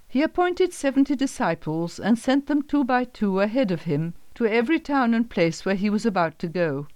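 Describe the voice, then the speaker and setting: A woman giving a calm, even scripted narration of a Bible story on a close microphone. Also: medium pitch, no room sound.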